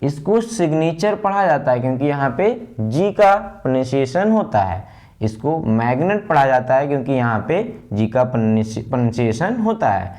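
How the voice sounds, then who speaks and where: A man teaching pronunciation, slowly drilling word patterns and repeating examples. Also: medium pitch, very animated, darkish tone. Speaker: English teacher. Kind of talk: pronunciation lesson.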